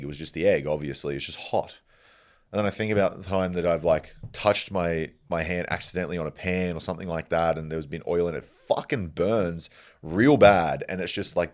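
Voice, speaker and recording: A man hosting a solo podcast, rambling and joking with lots of swearing. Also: low-pitched. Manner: rambling, profane, joking, laughs often. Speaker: podcast host. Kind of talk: casual solo podcast monologue.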